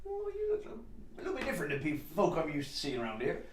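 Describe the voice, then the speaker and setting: A man's voice: on the high side, huge pitch swings, quick pace, echoey room, noisy background. A man doing a nervous, hesitant dwarf homesteader. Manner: hesitant, full of ums and uhs.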